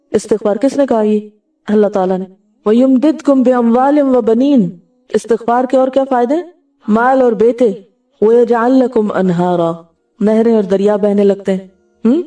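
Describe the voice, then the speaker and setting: A woman preaching in a mellow, somewhat high voice. She recites Arabic verses and asks questions she answers herself. She sounds set back from the microphone. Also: far from the mic. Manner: recites Arabic verses and hadith, then explains them. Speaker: Islamic scholar giving a religious talk. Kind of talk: sermon.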